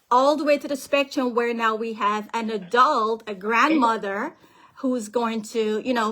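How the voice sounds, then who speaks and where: A Guyanese financial planner and author with a somewhat high voice gives a motivational talk on family finances over a call. She is lively and keeps checking in with her listeners.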